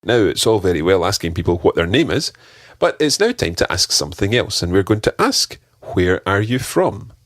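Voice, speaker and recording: Coaching on a podcast language lesson, this Scottish teacher has a low voice that swings widely in pitch in a sing-song way. He speaks at an unhurried pace, patiently modelling slow pronunciation through repeated drills, and the recording is dry and close with no room sound.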